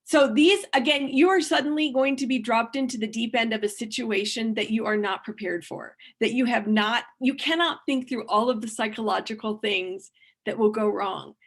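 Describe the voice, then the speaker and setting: A woman's voice: on the high side, moderate pace, husky. A woman giving a workshop presentation, earnest and thinking aloud, with frequent restarts and repeated words. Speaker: conference speaker.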